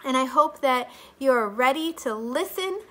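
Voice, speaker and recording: A woman in her thirties gives a children's Bible lesson to camera from her living room, recorded close up on a webcam or phone. Her sing-song teacher voice sits high, animated and fairly bright, with an unhurried pace and a slight stuffiness from allergies.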